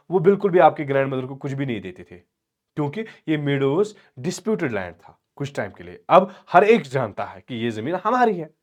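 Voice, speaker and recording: A man voicing an older father who talks down softly and condescendingly, acted out for a class. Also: a little high, lightly acted. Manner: soft, patronizing, sugary.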